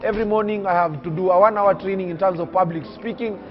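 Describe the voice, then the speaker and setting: Interviewed on TV, this young Kenyan public speaker, aged nineteen, recounts his life in an earnest, emphatic, oratorical way, much like a preacher. He talks fast in a high, steady voice. The highs are cut off, and soft music plays underneath.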